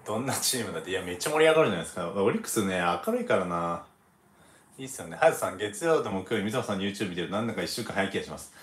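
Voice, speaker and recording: This man talks fast in a fairly low voice while hosting a casual livestream, reading viewer comments aloud. A former baseball pitcher, he's relaxed and chatty, laughs often and leans on frequent ね fillers, with noticeable reverb around him.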